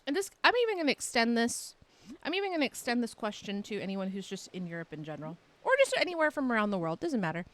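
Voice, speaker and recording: Chatting with her stream audience, this young woman from Texas talks fast in a slightly high, sing-song voice. Her light Texan accent carries a rambling, chatty flow dotted with plenty of "like" fillers.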